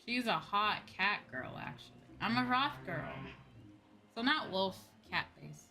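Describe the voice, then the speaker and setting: While playing an online game on a livestream, a woman chats casually in a medium-pitched, animated voice. She takes her time, musing aloud and repeating herself.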